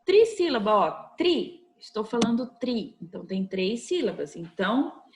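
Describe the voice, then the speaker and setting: A woman's voice: fairly high pitch, big pitch swings, normal speed. A Brazilian woman teaching a recorded online class to young children, patient and coaxing, checking in often with short questions. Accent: Brazilian Portuguese. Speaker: primary school teacher.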